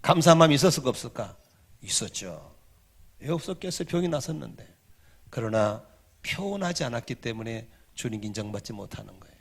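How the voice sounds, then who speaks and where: A man in his sixties preaching a Sunday sermon, leading the congregation in call-and-response and swinging from hushed asides to loud exhortation. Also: mid-range voice, very animated, fairly quick. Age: 60s. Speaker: pastor. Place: church sanctuary.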